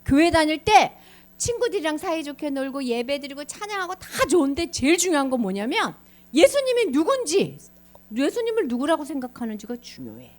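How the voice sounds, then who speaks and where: A woman's voice: high voice, fairly quick. A woman pastor giving a children's sermon, asking the kids questions as she tells the story. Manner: animated, quizzes the children.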